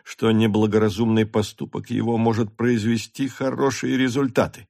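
Gravelly male audiobook narrator. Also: on the low side, little pitch movement, normal speed, a little mellow. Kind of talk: literary audiobook reading.

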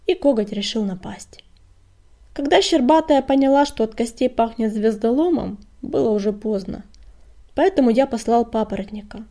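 A woman's voice: on the high side, dark tone, lightly acted. A woman voicing an earnest young male warrior cat who explains things in a storybook reading.

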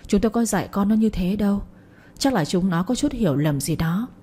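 A woman voicing an older father who is ashamed of his daughter, taking a lower voice. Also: expressive, brisk, warm tone, husky. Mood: pleading. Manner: begging neighbor, then bellowing at daughter. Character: ashamed older father, pleading then raging.

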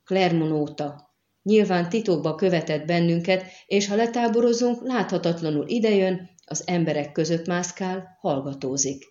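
A woman voicing a wary young woman telepath and spy who talks low and guarded, in an audiobook reading. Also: warm tone, roomy sound, highs cut off, natural voice. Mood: muttering.

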